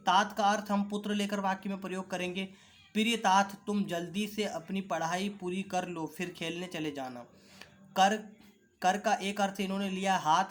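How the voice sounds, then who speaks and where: A man teaching an online class, slowly reading out and explaining textbook answers. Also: high voice. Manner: carefully repeats words for pronunciation drill.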